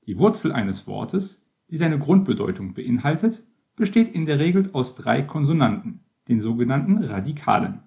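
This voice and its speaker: A man reading an encyclopedia-style text aloud as scripted narration, in a measured, list-like way. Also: mid-range voice, very animated, gravelly, warm tone. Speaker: reader.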